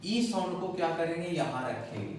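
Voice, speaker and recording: A man's voice: fairly high pitch, expressive, normal speed, darkish tone. A man teaching a step-by-step lesson at a board, repeating syllables and often checking that students follow. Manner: repetitive, drilling syllables, checking with listeners. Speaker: Japanese teacher. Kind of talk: whiteboard lesson explaining step by step. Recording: echoey room, far from mic, faint noise.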